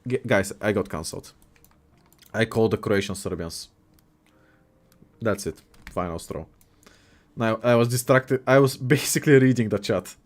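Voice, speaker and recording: Using a lowish voice at a moderate pace with long pauses, a young livestream host from Bulgaria, whose first language is Bulgarian, reads out viewers' chat and reacts in a casual, chatty, jokey manner.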